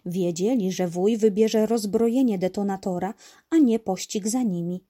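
A woman reading a children's story aloud in a gentle, expressive way. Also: mid-range voice, normal speed. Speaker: narrator.

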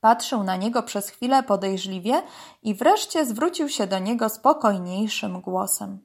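A woman narrating a children's animal story, reading aloud gently. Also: mid-range voice, expressive, unhurried, creaky, slightly rough.

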